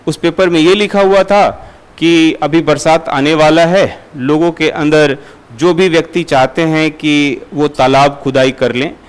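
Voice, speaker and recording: A man teaching a lecture class, asking students questions and explaining with everyday examples. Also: a little high. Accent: Hindi. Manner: asks students questions and answers them; uses homely everyday examples.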